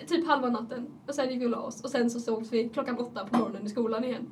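A woman's voice: fairly high pitch, steady tone, a little mellow. A young woman with a cold, chatting casually and laughing through her anecdotes. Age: young adult. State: has a cold. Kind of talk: casual chat. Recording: distant mic with faint background noise.

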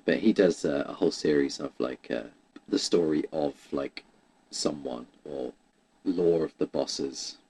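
A man's voice: a bass voice, a little slow, mellow, slightly rough, low-quality recording. A man chatting casually about video games, rambling and restarting his sentences with lots of "like". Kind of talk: casual chat.

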